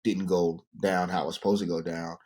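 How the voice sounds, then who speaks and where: A man in his thirties with a very low, deep voice, chatting casually as a podcast co-host. He tells stories in an easygoing way, full of "you know" and "like". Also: a little fast, husky. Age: 30s. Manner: relaxed storytelling, many fillers. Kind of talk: casual chat.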